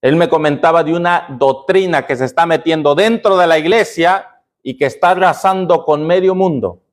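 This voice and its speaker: A man's voice: a little high, normal speed. A man pastor preaching a sermon, constantly asking the congregation questions and answering them himself. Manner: call-and-response questioning of the congregation.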